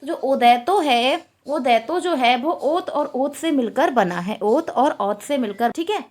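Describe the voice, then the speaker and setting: A woman's voice: high voice, lively intonation, measured pace, darkish tone. A woman teaching a Sanskrit exam-prep lecture, asking questions and repeating the answers.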